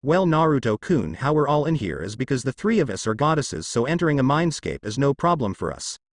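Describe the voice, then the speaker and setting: A calm, kindly goddess of light from a storybook, read by a male narrator. She explains things gently, with a lively lift in the pitch. The recording is close and dry. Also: a little fast, no room sound.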